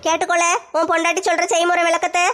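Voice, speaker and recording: A woman playing a scheming, sharp-tongued mother-in-law in a comic family sketch. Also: very high-pitched, completely flat delivery, faint music behind. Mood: sly. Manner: scolding, sly, fast-talking. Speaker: comedy sketch actor.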